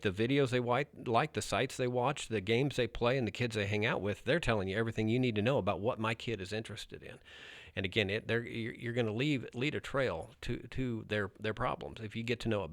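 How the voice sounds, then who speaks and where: A man's voice: on the low side, fast talker, no room sound. A man who works as a narcotics officer gives blunt, emphatic advice in a podcast interview, often restarting his sentences.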